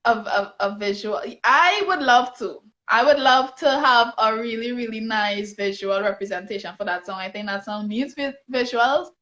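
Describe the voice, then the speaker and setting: A woman's voice: on the high side, normal speed, hardly any pauses, fairly bright tone, lo-fi sound. A woman interviewing a guest in a casual, teasing chat full of laughter over a phone live stream. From Trinidad and Tobago. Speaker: interviewer blogger. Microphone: phone on a live video stream.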